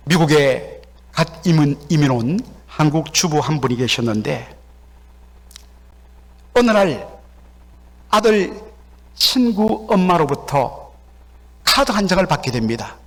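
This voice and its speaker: A man's voice: on the high side, takes it slowly, pauses often. A Korean man preaching a sermon as pastor in a church sanctuary, telling stories and acting out the voices of the people in them. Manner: animated storytelling, acts out quoted voices. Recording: long hall reverb.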